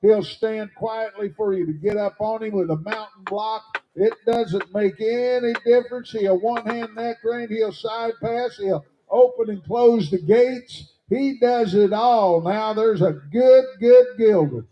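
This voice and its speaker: A man announcing at a horse sale, plainly pitching each horse's skills to buyers. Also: measured pace, highs cut off. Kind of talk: sales pitch. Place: horse auction ring.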